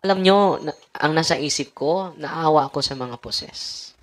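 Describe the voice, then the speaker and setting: Speaking a little slowly in a voice on the high side, a priest with a Filipino accent gives his followers a casual sermon. Tagalog and English blend within his sentences, a tag "no?" closes many of his lines, and brief chuckles punctuate his points.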